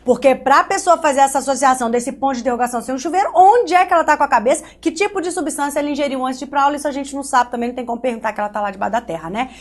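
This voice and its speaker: A woman from Brazil teaching an online grammar lesson, lively and joking, speaking straight to the student. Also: high-pitched, rapid-fire, few pauses.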